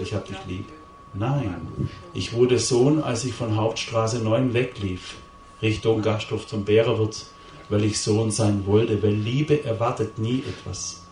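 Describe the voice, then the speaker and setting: A man's voice: fairly low pitch, a little mellow. A middle-aged man gives an emotional testimony to a live audience, telling his story intensely and repeating words for emphasis. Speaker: lay preacher giving his testimony. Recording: roomy hall, voice from a distance.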